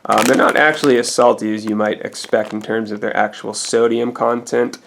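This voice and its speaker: A man's voice: medium pitch, steady tone, brisk, gravelly, a bit bright. A man giving a casual product review as a food reviewer, in a rambling, hesitant, minutely detailed way.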